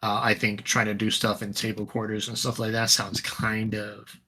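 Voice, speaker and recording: A man co-hosting a podcast, chatting casually about a tabletop wargame with a relaxed, rambling delivery full of fillers and restarts. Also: lowish voice, moderate pace, breathy edge. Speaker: podcast co-host.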